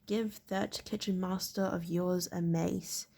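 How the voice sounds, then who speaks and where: A woman's voice: fairly low pitch, steady tone, slow pace, vocal fry, darkish tone, full character voice. A woman voicing a grumbling baron in a storybook reading, making dry remarks. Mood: wry.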